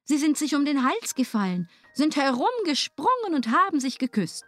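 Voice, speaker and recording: A woman reading a fairy tale aloud, in a lively, expressive way. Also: sits high, normal speed, no room sound, soft background music. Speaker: storyteller.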